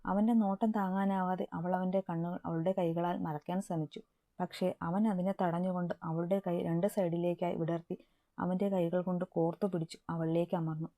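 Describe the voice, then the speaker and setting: Low, mellow woman reading a story. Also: little pitch movement, normal speed, dry recording. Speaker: story narrator. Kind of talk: reading a romance story aloud.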